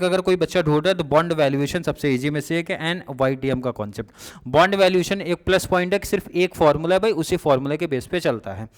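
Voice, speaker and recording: A young man teaching an exam revision lesson in a casual style, often checking that students have understood. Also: on the high side.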